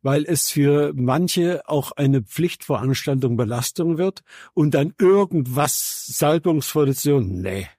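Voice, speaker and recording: With a warm, slightly high voice and lively intonation, he speaks slowly. This septuagenarian from Saxony, Germany, a veteran radio journalist and musician, tells casual conversational anecdotes as an interview guest, wry and plain-spoken in colloquial style. It's a studio recording with no room sound.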